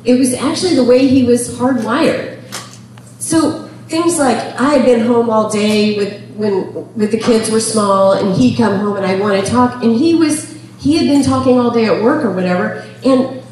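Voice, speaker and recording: A middle-aged woman giving a chatty talk to an audience, laughing often and filling pauses with ums. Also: fairly high pitch, darkish tone. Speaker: speaker on temperament. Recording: echoey room from far off.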